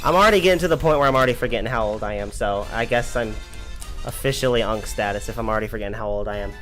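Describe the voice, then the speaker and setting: A man's voice: on the low side, racing, a bit bright, soft background music. A man in his twenties chatting casually on a gameplay livestream, rambling and laughing often as he reads chat. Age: 20s.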